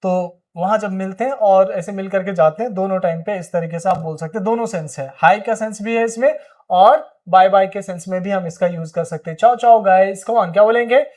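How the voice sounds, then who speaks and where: A man's voice: sits high, moderate pace, darkish tone. A man with an Indian accent teaching spoken English, explaining in Hindi and prompting viewers to repeat phrases. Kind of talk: energetic classroom-style lesson.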